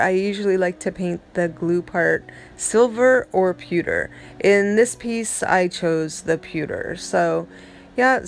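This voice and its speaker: A middle-aged woman giving a casual, rambling voice-over of her art process, chatty and self-admittedly dramatic. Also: medium pitch. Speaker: art vlogger.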